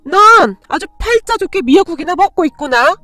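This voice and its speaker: A woman voicing a harsh, greedy, superstitious middle-aged mother who shouts and scolds. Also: very high voice, sing-song, normal speed, no room sound, faint music behind, voice pushed up, full character voice. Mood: shrill scolding.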